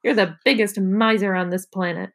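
A hot-tempered schoolboy, sulky and quick to taunt, as a woman reading a storybook puts him on. He speaks in the plain tone of a read-aloud. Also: medium pitch, steady tone, natural voice. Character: hot-tempered fourth-grade boy, rivalrous.

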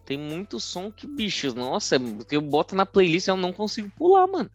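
A man's voice: sits high, sing-song, brisk. A young adult man with a Brazilian Portuguese accent, chatting effusively and in heavy slang about music on a podcast. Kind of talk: casual music discussion.

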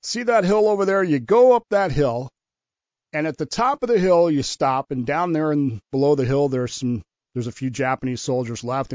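Joke figure: a gruff, brisk army sergeant, voiced by a man. Dry, muffled radio sound. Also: on the high side, darkish tone, dry recording, close to an everyday voice.

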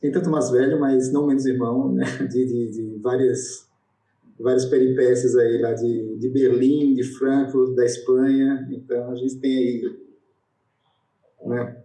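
A man's voice: medium pitch, flat delivery, measured pace. Rambling man hosting an echoey video call. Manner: warm, rambling, hesitant with restarts. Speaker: host of online panel. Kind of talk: casual online video call discussion.

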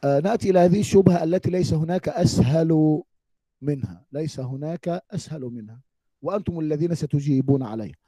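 A man's voice: fairly high pitch, fast talker, mellow, husky, dry recording, low-quality recording. A man teaching an Arabic grammar lesson, speaking emphatically and asking the class rhetorical questions. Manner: emphatic, addresses listeners as "my people", quotes scripture.

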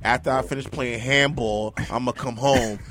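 A man's voice: medium pitch, steady tone, normal speed, fairly bright tone, slight background noise. A man co-hosting, full of joking, rambling banter. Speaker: co-host. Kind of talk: casual radio chat.

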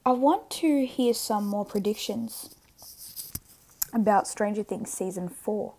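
A young woman sick with tonsillitis, chatting casually and haltingly on a solo podcast, rambling and interrupting herself. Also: mid-range voice, darkish tone. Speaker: podcast host.

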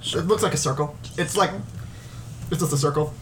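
A man with a high voice for his sex acts as game master. He narrates a tabletop game in a casual, conversational way, with faint noise behind him. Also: fairly quick, a bit bright.

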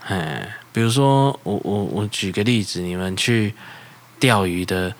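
A man with a Taiwanese accent in casual chat, halting and repeating words as he explains. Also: lowish voice.

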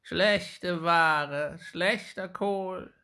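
A man voicing a spiteful old crone who mutters slyly in a creaky, croaking voice. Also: high voice, bright, forceful tone, voice pushed up, heavily acted. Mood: muttering, sly. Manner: muttering, drawn-out, sly.

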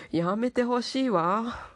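A woman's voice: on the low side, measured pace, creaky. A woman host chatting casually in a monologue, playfully putting on ornate, polite refined-lady speech. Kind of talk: casual monologue talk to listeners.

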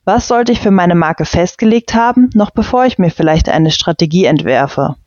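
A woman hosting an interview, asking clear, structured questions. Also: lowish voice, expressive, moderate pace, a little mellow, dry recording, highs cut off.

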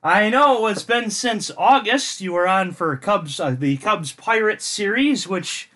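A man's voice: sits high, lively intonation, a little slow, bright, forceful tone. A man hosting a podcast in casual chat, rambling and jokey as he drifts off on tangents. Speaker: podcast host.

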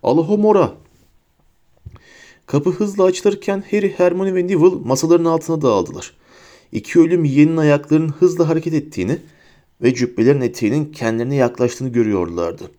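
A man narrating a fantasy audiobook in a lively storytelling manner. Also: fairly quick. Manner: lively storytelling, pitches up for characters' shouts.

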